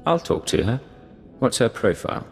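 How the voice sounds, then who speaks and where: An actor playing a composed male Imperial secret agent with a measured, formal manner. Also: mid-range voice, big pitch swings, soft background music. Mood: dry, businesslike.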